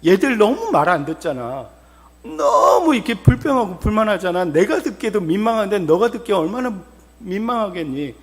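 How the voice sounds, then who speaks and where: A man's voice: high voice, expressive, normal speed, in a large hall. A man preaching, voicing God as an exasperated figure who scolds Moses bluntly and casually.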